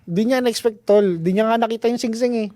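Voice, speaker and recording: High-voiced, mellow man telling a story. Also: fairly quick, no echo, clean studio sound. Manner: animated, slangy, keeps saying "tol"; restarts and trails off often. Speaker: podcast guest. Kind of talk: casual storytelling chat.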